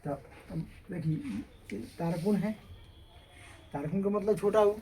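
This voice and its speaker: A man's voice: high voice, unhurried, mellow, slight background noise, poor audio. A male teacher giving a classroom grammar lecture, explaining step by step and often checking that students understand.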